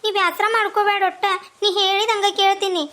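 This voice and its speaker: A woman voicing a gentle schoolgirl daughter. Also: very high voice, flat delivery, fast talker, voice pushed up. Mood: soothing. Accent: North Karnataka Kannada.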